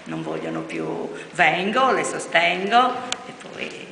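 An older woman supporting the group, calmly and modestly answering a question. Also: fairly low pitch, slow, gravelly. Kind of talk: casual interview answer. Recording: echoey church, faint noise.

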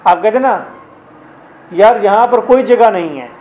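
High-voiced Pakistani teacher drilling grammar. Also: male voice, lively intonation, unhurried, a little mellow. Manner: drills rules, quizzes students. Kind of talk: classroom grammar lesson.

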